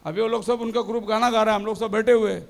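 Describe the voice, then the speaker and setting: A man's voice: high-pitched, steady tone, fast, gravelly. A man preaching a sermon, telling stories and asking rhetorical questions. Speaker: pastor.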